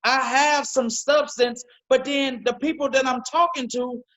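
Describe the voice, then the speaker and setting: A man co-hosting a sports podcast, talking casually and emphatically and repeating words when he gets excited. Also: very high-pitched, a little slow, poor audio. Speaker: podcast co-host. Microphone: video call.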